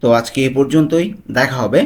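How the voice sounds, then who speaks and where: A man with a Bangladeshi accent teaching beginner phrases in a video lesson, repeating each word slowly and explaining its meaning. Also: mid-range voice. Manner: slow, repetitive drilling of phrases. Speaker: language tutor.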